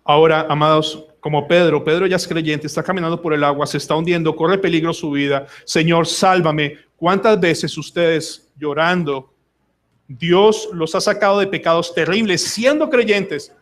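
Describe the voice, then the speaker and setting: Pastor guy preaching at church, kinda high voice, acts out prayers and quotes, really emphatic. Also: moderate pace. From Colombia. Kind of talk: sermon. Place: church service.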